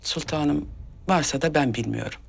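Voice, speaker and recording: A woman's voice: deep voice, moderate pace, vocal fry. An actress playing a polite, deferential senior harem servant in an Ottoman period drama.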